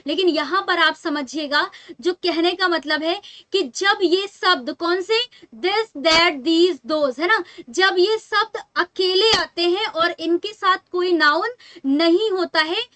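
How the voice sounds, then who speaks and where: A woman's voice: very high-pitched, slow, sharp tone, no room sound. A young woman with an Indian accent teaching an English grammar class online, explaining step by step and answering her own questions.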